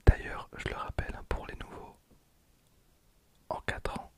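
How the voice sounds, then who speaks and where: The speaker is an ASMR creator, a man in his 20s, who whispers the whole time with a breathy, unvoiced quality. His commentary follows a card unboxing, hushed and marked by slow repetition of phrases, captured on a nearby handheld stereo recorder.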